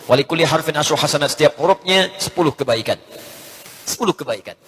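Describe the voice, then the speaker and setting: Animated preacher in a reverberant hall. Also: male voice, fast. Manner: animated, joking, swings from low murmurs to loud emphatic lines, chants Arabic phrases. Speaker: ustaz, preacher. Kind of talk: lively sermon to a congregation. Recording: long hall reverb with faint hiss.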